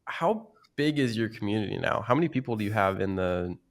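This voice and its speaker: Relaxed, curious male podcast host. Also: lowish voice, brisk, gravelly. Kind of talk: casual conversational interview.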